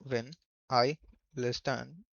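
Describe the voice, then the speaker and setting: A man giving a coding tutorial in a halting way, thinking aloud as he goes. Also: mid-range voice, steady tone, creaky, a bit bright, no room sound. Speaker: programming tutor. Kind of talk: screen-recorded coding tutorial. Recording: dull lo-fi microphone.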